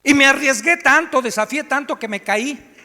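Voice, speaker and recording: In an echoey church hall, a man with a Mexican accent preaches a sermon in a church meeting room. His voice sits at an extremely high pitch and moves at a moderate pace as he tells stories with animation and poses questions to the congregation.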